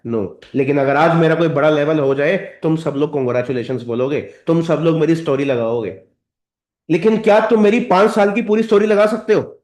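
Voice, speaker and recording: A man's voice: fairly high pitch, a little mellow. A man with an Indian accent giving a motivational training talk, lecturing his audience directly and calling them sir and madam. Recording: roomy echoey hall.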